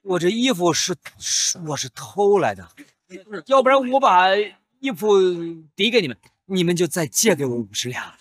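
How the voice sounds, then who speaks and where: A man's voice: high-pitched, very animated, moderate pace, a bit bright, husky, heavily acted. An actor playing a broke young male gambler in a costume TV drama, pleading and whining, yelping when hurt. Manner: pleading, whiny, yelps in pain.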